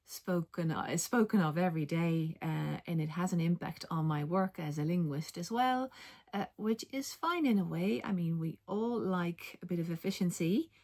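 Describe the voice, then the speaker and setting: Her voice is fairly low and gravelly, carrying a light Dutch accent; she's a middle-aged woman from the Netherlands who vlogs about knitting and is also a linguist. In easygoing vlog chatter, she fills pauses with ums and fixes her own wording mid-sentence.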